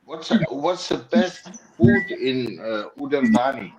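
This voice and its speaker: A man's voice: mid-range voice, expressive, takes it slowly, a loud crowd, rough recording. A man from the Netherlands hosting a casual group video chat, joking and laughing often in broken English.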